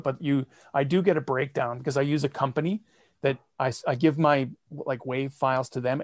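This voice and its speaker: A man who writes songs and makes comedy fiction podcasts appears as a podcast guest, chatting casually about making music at home. He's relaxed and chatty in this interview, dropping "like" often and laughing lightly. His mid-range voice sounds clean and studio-quality, with no echo.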